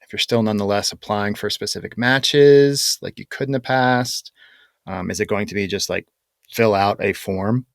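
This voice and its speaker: A man co-hosting a podcast, talking casually and explaining things with many fillers and pauses. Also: fairly low pitch, gravelly, no room sound, studio quality. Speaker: podcast co-host. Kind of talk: casual chat.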